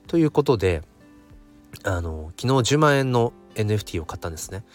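A man with a hoarse voice hosts a casual solo audio channel, thinking aloud in a hesitant way. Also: fairly low pitch, sing-song, a little fast, faint music behind. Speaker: host of a daily audio channel.

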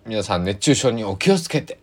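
A man's voice: lowish voice, sing-song, a little fast, a little mellow. A man, hosting a casual solo podcast in a chatty, rambling way that keeps correcting itself. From Kochi, Japan. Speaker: podcast host.

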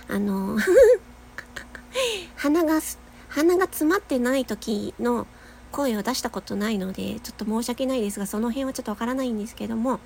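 A woman's voice: on the high side, vocal fry, slight background noise. A young adult woman with a nasal voice, giving a casual voice lesson while chatting, laughing often and demonstrating long sustained tones. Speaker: voice-training podcaster.

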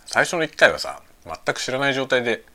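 A man's voice: mid-range voice, very animated, a little fast, pushed and bright. A man in his forties rambling casually and musing aloud as he eats bread, often seeking the listener's agreement, chewing while talking. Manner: chatting while eating bread, mouth sometimes busy chewing. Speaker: streamer.

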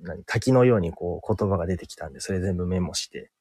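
A man with a fairly low voice tells a made-up ghost story with slow, suspenseful pacing, dramatic pauses and frequent hesitation fillers. The recording is dry and close, with no room sound around him. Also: dark tone, slightly rough, dry recording. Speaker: podcast co-host. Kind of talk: telling an invented ghost story, then casual chat.

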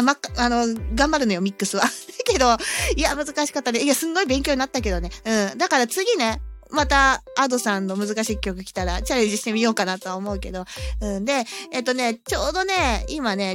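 A woman hosting a casual solo audio talk, chatty and laughing often as she tells a story. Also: fairly high pitch. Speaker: podcast host and hobby musician.

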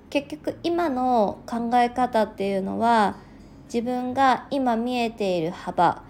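A woman in her thirties who hosts a casual solo podcast as a working mother, talking in a soft, reflective way with frequent fillers and a slightly sleepy, slow tongue. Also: fairly high pitch. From regional Japan.

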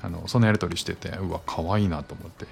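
A man in his thirties from Japan, hosting a solo podcast and telling stories in a relaxed, rambling way with many fillers. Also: sits low, fast, gravelly, soft background music. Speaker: podcast host and father. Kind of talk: casual solo podcast chat.

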